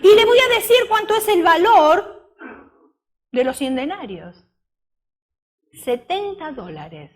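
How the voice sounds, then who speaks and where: A woman preaches a sermon in a high, very animated voice. She speaks slowly and drops her voice low on key words. She often puts questions to her listeners and acts out the story she is telling. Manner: asks the congregation questions and dramatizes the parable.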